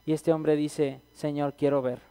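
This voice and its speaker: A man preaches in a church, his high voice smooth and clear. The sound carries a long reverb from the hall. He speaks earnestly and builds at times to loud calls. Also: level tone, a little slow. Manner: earnest, builds to loud cries when quoting. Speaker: guest preacher. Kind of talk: sermon.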